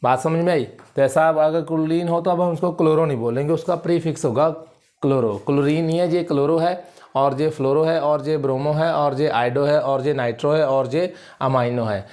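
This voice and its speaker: A man's voice: fairly high pitch, fairly even intonation, moderate pace, darkish tone. A male chemistry teacher with a Punjabi accent, lecturing at a board and drilling each point by asking a question and then answering it himself.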